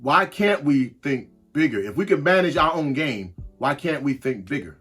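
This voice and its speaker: A man's voice: a little high, very animated, normal speed, fairly bright tone, husky, faint music behind. A man co-hosting a casual sports podcast, talking loosely with frequent restarts and slang. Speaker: podcast co-host.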